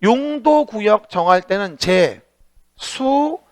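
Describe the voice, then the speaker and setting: High, lively-voiced man lecturing. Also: slow. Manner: rhetorical questions, repeats key points, calls "start" for recitation. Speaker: exam lecturer. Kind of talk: exam-prep lecture.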